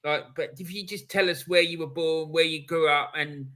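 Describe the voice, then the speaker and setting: A man's voice: fairly high pitch, steady tone, moderate pace, sharp tone. A man hosting a casual football podcast, asking questions loosely with lots of "like" and "you know". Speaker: podcast host, interviewer. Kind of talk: casual interview chat.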